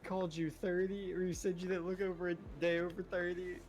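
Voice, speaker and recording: A man's voice: high-pitched, little pitch movement, fairly quick, a little mellow, soft background music. A teenage boy joking and teasing his friends in a casual chat. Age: teens.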